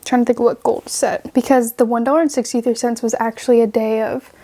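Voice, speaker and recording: A young woman talks her way through her weekly plans in a loose, chatty vlog, thinking aloud as she types. Her voice sits a little high but has a soft, mellow color. She sounds relaxed and unscripted, recorded at her desk. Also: fast talker. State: out of breath. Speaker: vlogger. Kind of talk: casual planning vlog with screen recording.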